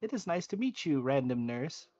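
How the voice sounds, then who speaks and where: Scatterbrained unhinged young man, played by a man, lively swings, slightly muffled call audio. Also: medium pitch, normal speed, no echo, faint music behind, pitched below the performer's own voice, lightly acted. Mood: theatrical. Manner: playful, zany, rambling. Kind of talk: tabletop role-play in character.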